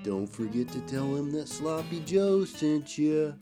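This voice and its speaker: A man playing a laid-back, slangy male pitchman reading an ad. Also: lively intonation, unhurried. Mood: hustling. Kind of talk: radio-style ad read. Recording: ad read over guitar music. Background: guitar music.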